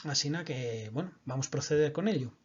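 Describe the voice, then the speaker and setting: A man's voice: on the high side, expressive, fairly quick, slightly rough, dull audio. A man teaching a recorded online language lesson, explaining patiently and often checking that his listeners follow.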